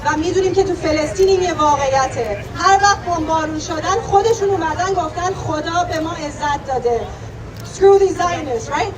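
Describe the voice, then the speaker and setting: A young woman with a very high voice speaks very fast at an outdoor protest, passionate and emphatic, repeating phrases to drive them home. The distant mic picks her up over a crowded, noisy rally with loud street, crowd, and vehicle sounds.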